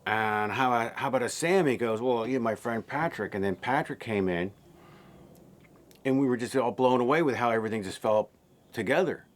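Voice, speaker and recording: A man's voice: medium pitch, fairly quick. A film director talking casually and enthusiastically about casting his series, with frequent fillers. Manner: relaxed, enthusiastic, many fillers. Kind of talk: casual behind-the-scenes interview.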